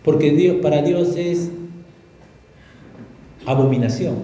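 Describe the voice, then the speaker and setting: Male preacher, high voice, super echoey church hall, emphatic sermon w/ lots of rhetorical questions. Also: warm tone, slight background noise. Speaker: pastor.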